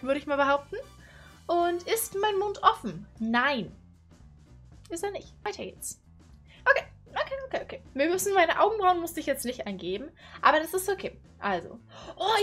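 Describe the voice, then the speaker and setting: A woman of twenty-one, chatty and playful, commenting casually from a small bedroom into a condenser mic. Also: fairly high pitch. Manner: chatty, playful, exclaims and giggles. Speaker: YouTuber. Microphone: studio condenser mic on boom arm.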